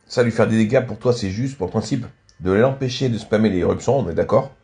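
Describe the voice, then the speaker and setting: A lowish, mellow male voice moves at a quick clip while hosting and casually calling video game matches. He sounds a little stuffy from a cold and often coughs or clears his throat.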